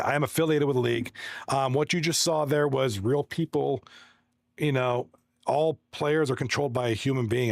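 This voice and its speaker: A man's voice: mid-range voice, creaky, no room sound. Chatty man streaming, dry close sound. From Toronto, Canada. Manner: rambling, friendly, reads chat aloud and runs through stats with many restarts. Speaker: esports hockey league commentator and streamer. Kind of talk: casual livestream chat.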